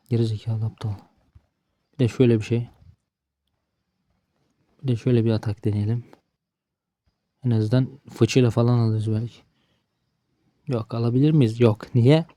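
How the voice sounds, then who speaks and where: A man's voice: mid-range voice, steady tone, normal speed, long pauses, dark tone. Frustrated man grumbling over a mobile game. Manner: frustrated, swearing at the game, talking to himself. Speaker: gaming streamer. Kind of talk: casual gameplay commentary.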